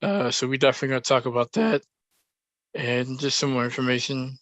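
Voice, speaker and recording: A man hosting a podcast, speaking in a reflective, measured way with frequent pauses and fillers. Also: medium pitch, expressive, fairly bright tone, no room sound. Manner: reflective, measured, thinking aloud with many fillers. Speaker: podcast host. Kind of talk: casual podcast discussion.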